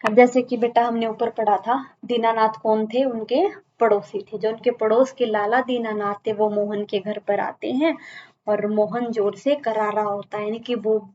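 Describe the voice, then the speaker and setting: A woman's voice: a little high, steady tone, a little slow, darkish tone. A woman teacher explaining a textbook chapter to students, retelling each line again in simpler words. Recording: dull lo-fi recording, faint background hum.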